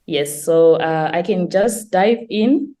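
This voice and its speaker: Young woman from zimbabwe presenting her thesis, lowish voice, explains carefully w some ums. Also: takes it slowly, warm tone. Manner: explanatory with frequent fillers and restarts. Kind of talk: conference presentation.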